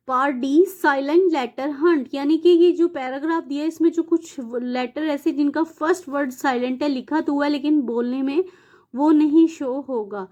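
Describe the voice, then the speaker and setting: A woman from Pakistan with a Pakistani accent, working through a textbook exercise as a teacher. She explains English words in Urdu and often pauses with fillers. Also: high-pitched, darkish tone, lo-fi sound. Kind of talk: exercise walkthrough lesson.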